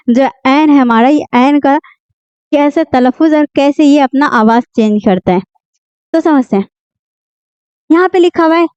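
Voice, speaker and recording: A woman teaching a beginner Urdu lesson, repeating each word slowly and asking and answering her own questions. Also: high-pitched, darkish tone, clean tone, dry recording. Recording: dull lo-fi dry sound.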